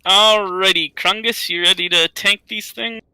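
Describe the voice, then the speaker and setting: A man leading a raid in casual game voice chat, issuing quick commands. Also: sits high, fairly even intonation, pushed and bright, clean tone, dry recording.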